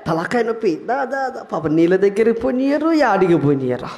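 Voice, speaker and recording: A man preaching a sermon as pastor, asking the crowd questions and rising to shouts. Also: high voice, big pitch swings, moderate pace. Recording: echoey hall.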